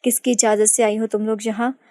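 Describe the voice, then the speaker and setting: A woman's voice: a little high, little pitch movement, a little fast, warm tone, no room sound, studio quality, natural voice. A woman voicing a stern, angry young man who harshly scolds his sisters, reading him in a story.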